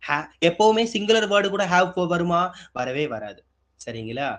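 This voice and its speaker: A man's voice: high-pitched, big pitch swings, normal speed, a bit bright. A man teaching an exam-prep grammar lesson, asking his students questions and repeating key points. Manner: asks students questions and answers them, repetitive.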